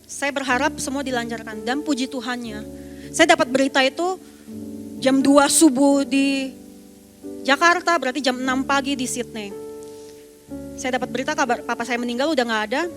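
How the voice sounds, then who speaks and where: A woman in her thirties from Indonesia, an evangelist telling a personal testimony in a sermon with pauses and restarts. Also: high voice, over music. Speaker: evangelist preacher.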